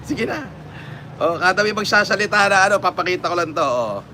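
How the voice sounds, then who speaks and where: A Filipino man hosts a casual live stream, reading viewer comments and mocking his rivals with frequent laughter. His voice sits a little high for a man. Clear street and car noise runs underneath. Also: expressive, a little fast, pushed and bright.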